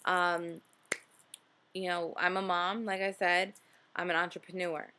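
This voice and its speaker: A woman's voice: on the low side, level tone, a little slow, bright, forceful tone. A woman in her late twenties with a New Jersey accent, talking earnestly to camera in a casual motivational vlog, full of fillers and "okay?" check-ins. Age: 20s. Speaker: vlogger host.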